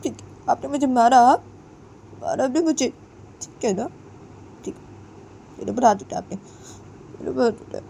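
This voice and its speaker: A woman's voice: sits high, a little slow, creaky, long pauses, warm tone, slight background noise, voice pushed up. A woman voicing a hurt young wife who talks back indignantly and repeats herself.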